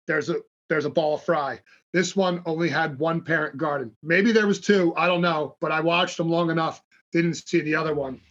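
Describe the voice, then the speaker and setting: A man with a slightly high, bright and forceful voice tells a fishing story as a podcast guest. He swears freely and acts out what his buddies said. The audio is lo-fi and dull. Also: moderate pace. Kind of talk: casual storytelling.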